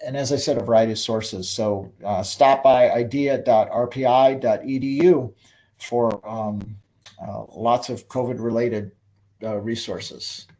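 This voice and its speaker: A man's voice: mid-range voice, steady tone, unhurried, mellow, muffled recording. Guy hosting a zoom-style talk, lots of uhs and restarts, casual wrap-up. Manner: rambling, many fillers and restarts. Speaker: webinar host. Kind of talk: casual closing announcements.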